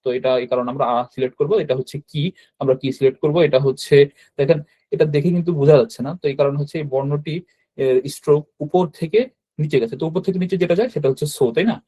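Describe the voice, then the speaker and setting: A man teaching a language class over a video call, explaining quiz answers with frequent fillers and quick self-corrections. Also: fairly high pitch, steady tone, mellow. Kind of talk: online class lesson.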